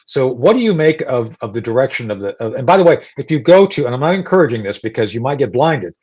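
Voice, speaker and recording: A man's voice: mid-range voice, sing-song, quick pace, darkish tone, husky, muffled recording. A man hosting a political talk show, joking and rambling with plenty of fillers. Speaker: show host.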